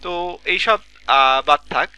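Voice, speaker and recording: A man's voice: a little high, lively intonation, measured pace, pushed and bright, smooth. A man teaching a live online class from a computer mic, explaining step by step and checking in with students often, with a Bangladeshi Bengali accent. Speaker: lecturer.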